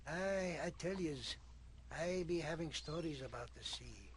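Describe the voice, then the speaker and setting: Gruff old fisherman, higher-pitched, soft-voiced. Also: lively intonation, unhurried, slight background noise. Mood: wistful, yarning. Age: older. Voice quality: soft, relaxing voice. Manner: gruff old fisherman, rustic pirate-like sailor speech. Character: gruff old sailor, grumpy storyteller mending nets. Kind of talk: video game character acting.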